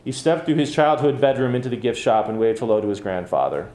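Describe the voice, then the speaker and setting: A man, an author, reading his own fiction aloud at a public reading with measured, even storytelling. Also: medium pitch, roomy sound. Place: bookcafe reading event.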